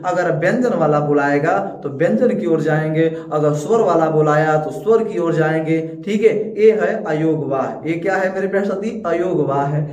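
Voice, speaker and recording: A man's voice: fairly high pitch, normal speed, hardly any pauses, a little mellow, muffled recording. A man teaching a class, who keeps asking questions and answering them himself, repeating each point. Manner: repetitive, asks and answers his own questions. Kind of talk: classroom lecture. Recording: echoey room, distant mic.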